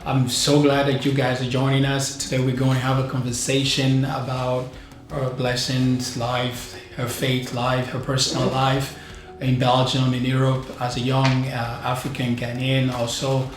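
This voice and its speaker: A man hosts a studio podcast, circling his questions and repeating himself as he goes. His mid-pitched voice stays flat and level, and it rings heavily in a bare, echoey room, with faint music in the background. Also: measured pace. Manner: rambling, repeats himself and restarts often. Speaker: podcast host. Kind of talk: interview hosting.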